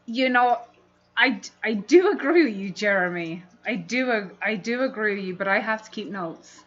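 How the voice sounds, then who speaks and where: Speaking at normal speed with a medium, slightly bright voice, this London-born fishkeeping hobbyist rambles expressively while answering viewers on her livestream. Her accent is London English, and the recording comes across muffled and dull.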